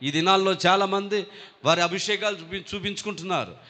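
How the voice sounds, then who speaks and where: A man preaching a sermon, swinging from loud cries to hushed lines. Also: high-pitched, fairly quick. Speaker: pastor.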